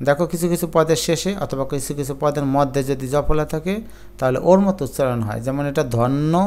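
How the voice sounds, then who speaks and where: A male teacher works through an exam-prep lesson, explaining each rule step by step with examples. His voice sits a bit high. It comes across smooth and crisp, with a patient, methodical pace. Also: darkish tone. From Bangladesh.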